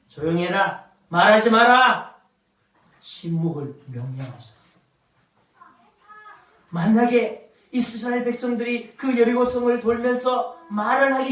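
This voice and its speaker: A woman preaching a dramatic sermon, swinging from loud commands to hushed asides as she acts out voices. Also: a little high. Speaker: pastor. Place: church sanctuary. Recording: echoey church hall, mic far off.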